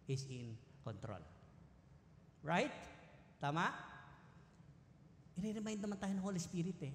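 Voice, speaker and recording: A man's voice: high voice, darkish tone, slight background noise. A man with a Filipino accent preaching a sermon, earnest and emphatic, moving between Tagalog and English. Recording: echoey hall with long reverb.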